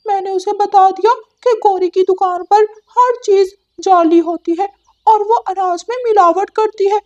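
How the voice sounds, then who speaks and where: A woman voicing a young male parrot in a cartoon, a loud tattletale who whines and stammers when scared. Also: very high voice, lo-fi sound, pitched above the performer's own voice.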